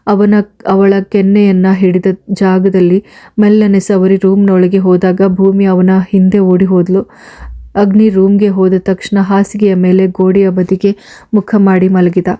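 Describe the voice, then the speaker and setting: Even-toned woman narrating a story. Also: medium pitch, unhurried. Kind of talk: serialized audiobook narration.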